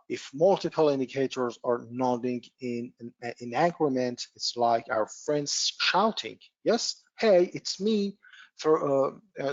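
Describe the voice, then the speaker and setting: Slow-talking man hosting a trading webinar. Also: mid-range voice, dry recording, dull audio. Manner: frequent "uh" fillers, rhetorical questions. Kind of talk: webinar lesson, partly read script.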